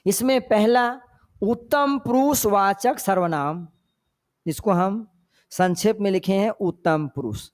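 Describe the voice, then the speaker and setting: A high-pitched man with a Hindi accent from Jharkhand teaches grammar for a competitive exam. He speaks at an unhurried, measured pace. He goes over each point twice and keeps telling his students to pay attention. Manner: slow and repetitive, often tells students to pay attention. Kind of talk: exam-prep lecture.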